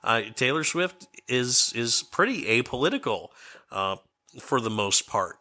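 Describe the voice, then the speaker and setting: A man's voice: mid-range voice, big pitch swings, a little slow, pushed and bright. A man hosting a solo podcast commentary, his voice scratchy and strained, often repeating and restarting words with a sardonic edge. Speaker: podcast host.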